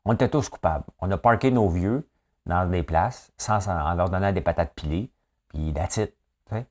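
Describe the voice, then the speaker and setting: Here the daily news chat host speaks at a moderate pace in a low voice, his Québécois French accent clear. He delivers casual commentary that's frank, full of opinions and tinged with humor.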